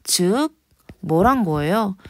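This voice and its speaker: A woman teaches a poetry lesson in an animated way. She drops into whispers and quick asides, then slows right down to stress key words. The sound is dry and close, with no room around it. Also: medium pitch, no room sound. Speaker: Korean literature teacher.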